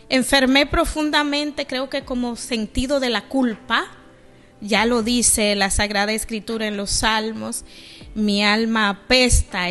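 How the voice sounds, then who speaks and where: A woman's voice: on the high side, fairly bright tone. A middle-aged woman from the Dominican Republic, a guest on a radio show, earnestly telling her life story. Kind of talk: radio interview, personal testimony.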